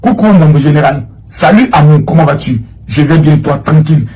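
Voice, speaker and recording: A man giving rambling, animated commentary to viewers, repeating himself as he searches for things. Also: fairly high pitch, normal speed, slightly rough. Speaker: online commentator. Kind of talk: livestream commentary reading chat screenshots.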